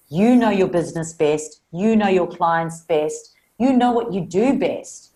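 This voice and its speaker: A woman with a South African Australian accent appears as a guest on a podcast interview, discussing marketing. Her slightly low, somewhat mellow voice carries an earnest, upbeat and encouraging tone.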